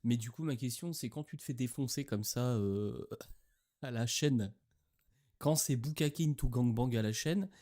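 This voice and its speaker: Male podcast co-host, mid-pitched, relaxed banter, crude humor. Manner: crude joking, quick reactions. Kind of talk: casual chat.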